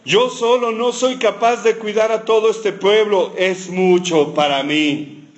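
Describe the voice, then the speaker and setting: A man voicing Moses as a put-upon man complaining to God in a high, drawn-out, self-pitying whine. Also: steady tone, muffled recording. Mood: whiny.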